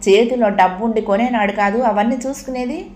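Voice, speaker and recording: A woman's voice: on the high side, brisk, a little mellow, slight background noise, lightly acted. A woman voicing an irritable, bossy man at the wheel in a comic audiobook, snapping out orders. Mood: irritated. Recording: roomy echo.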